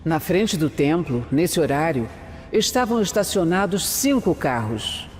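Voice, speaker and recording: A Brazilian-accented man plays a methodical detective who serves as narrator and protagonist, delivering scripted first-person narration in an audio drama in a measured mood. His voice sits on the high side with lively intonation and a measured pace. There's long reverb, music underneath, and a little hiss or hum.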